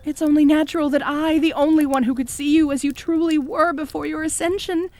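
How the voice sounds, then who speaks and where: A woman playing a fanatical, jealous cult high priestess in an audio role-play, fawning and pleading with stammering devotion. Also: fairly even intonation, a little fast, a little mellow, close to an everyday voice. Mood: eager, devoted. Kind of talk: scripted audio role-play addressed to the listener.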